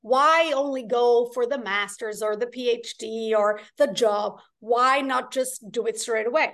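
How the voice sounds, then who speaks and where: Guest, woman, voice sitting a bit high; earnest, rambling, restarts sentences. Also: unhurried, fairly bright tone. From Portugal. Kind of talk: casual interview chat.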